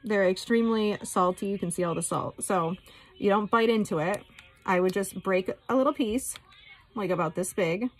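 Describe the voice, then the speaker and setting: A woman's voice: mid-range voice, moderate pace, low-quality recording. A woman vlogger talking casually and candidly, in a rambling, informal way. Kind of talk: casual chatty vlog.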